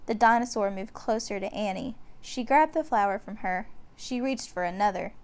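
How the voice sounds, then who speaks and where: A woman's voice: medium pitch, moderate pace. A woman narrating a children's book aloud, giving the descriptions dramatic emphasis. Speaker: storyteller.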